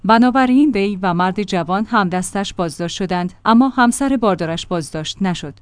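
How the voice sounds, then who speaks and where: A woman reads out a crime news report with measured, formal delivery. Her voice is smooth and clean at a middle pitch. The recording is dry, with no room sound around her. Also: dry recording. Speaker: news narrator.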